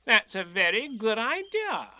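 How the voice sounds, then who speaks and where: A man's voice: high-pitched, sing-song, unhurried, pushed and bright, no room sound, voice pushed up, heavily acted. A man voicing a bossy, self-important rabbit in a storybook, with a commanding, emphatic manner. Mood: brisk.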